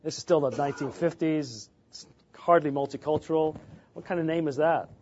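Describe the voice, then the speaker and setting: An Englishman in his fifties gives an informal lecture on church history, frequently pausing on filler sounds and restarting. His voice is a little high with a darkish tone, and the recording has its highs cut off plus a slight hiss or hum.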